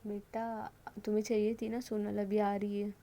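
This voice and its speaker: A woman's voice: mid-range voice, monotone, normal speed, mellow, close to an everyday voice. A woman voicing a teasing young friend.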